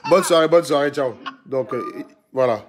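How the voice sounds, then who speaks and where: A man's voice: mid-range voice, moderate pace, faint music behind. A man hosting a live stream and taking callers, crude and mocking, badgering with repeated questions and laughing often. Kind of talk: casual live-stream chat.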